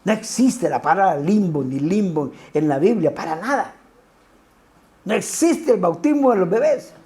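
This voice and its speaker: A man preaching a lively sermon, his pitch swinging widely from line to line. His tone is mellow and dark, and he keeps tossing quick rhetorical asides at the congregation. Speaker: pastor.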